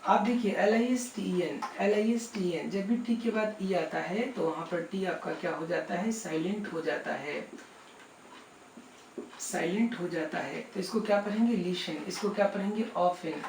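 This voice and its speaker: A man's voice: high-pitched, moderate pace, darkish tone, a little hiss or hum. Man teaching in a roomy space. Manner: affectionate, keeps asking rhetorical questions. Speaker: English teacher. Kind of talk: classroom lesson video. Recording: roomy and distant with faint music.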